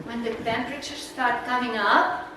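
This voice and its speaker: On the high side with a steady, sharp tone and normal speed, a woman with a Czech accent from the Czech Republic presents slides to a naturalist club. Her talk is casual and rambling, chatty with fillers and laughs. The meeting room echoes, the recording is noisy, and she sounds distant.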